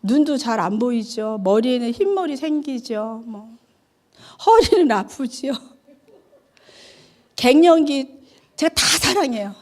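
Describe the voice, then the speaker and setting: A woman in her fifties preaches a sermon in a high, bright voice that swoops up and down as she tells her stories. She acts out the dialogue as she goes and keeps asking the congregation questions, with the chatty feel of a talk among friends. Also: measured pace, long pauses. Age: 50s. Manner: animated storytelling that acts out the dialogue. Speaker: evangelist preaching.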